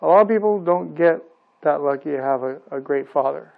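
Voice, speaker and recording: A man giving a personal testimony about his late father in a plain, steady way. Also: on the high side, fairly quick, creaky. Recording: dull lo-fi sound.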